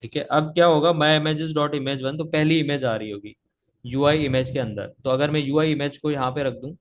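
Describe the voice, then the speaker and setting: A man's voice: a little high, normal speed, a little hiss or hum. A man teaching coding live over a video call, with a sore throat that makes him cough, often checking in with "theek hai". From Pakistan. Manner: talks while typing, frequent "theek hai" checks. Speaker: coding instructor.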